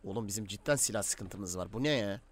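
A man with a Turkish accent and a lowish voice talks fast while streaming online roleplay, giving live commentary and chatting with players in character. He's bossy, slangy, and combative, and there's slight background noise.

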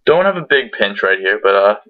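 A man's voice: lowish voice, big pitch swings, a little fast. A young man chatting casually to camera in a laid-back, sweary, rambling review, his words slightly muffled by a lip full of dip. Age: young adult. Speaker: tobacco product reviewer. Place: small bedroom, indoors. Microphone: computer webcam at arm's length. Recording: dull lo-fi webcam audio.

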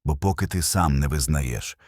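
A man's voice: extremely low pitch, normal speed, slightly rough, no room sound, studio quality. A man delivering a scripted sermon narration as a preacher, solemn and emphatic, building with short repeated phrases.

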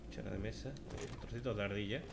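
A man with a Spanish accent from Spain, giving chatty, sarcastic let's-play commentary with sudden loud outbursts. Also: on the low side, fairly even intonation, quick pace, gravelly, noisy background. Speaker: gaming video host. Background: game music.

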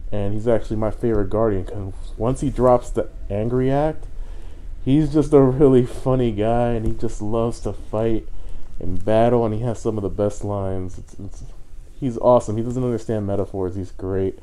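Male reviewer speaking through a costume head; lowish, very dark tone, eager and chatty. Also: steady tone, moderate pace, poor audio. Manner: enthusiastic, rambling, slangy. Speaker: movie reviewer. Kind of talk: casual movie review. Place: indoors, fursuit costume.

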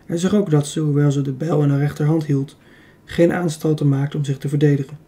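A man narrating a children's adventure audiobook in a steady, even reading. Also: fairly high pitch, fairly quick. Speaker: audiobook reader. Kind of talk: storybook narration.

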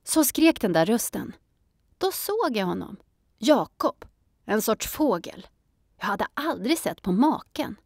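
A woman narrating a children's audiobook in a calm storytelling manner. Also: fairly high pitch, dry recording, studio quality.

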